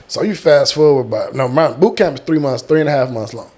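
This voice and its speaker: A man's voice: fairly high pitch, moderate pace. Middle-aged man telling stories. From small-town Texas, United States. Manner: animated retelling, acting out quotes, repeating words for emphasis. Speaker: guest, military veteran. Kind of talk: casual personal storytelling.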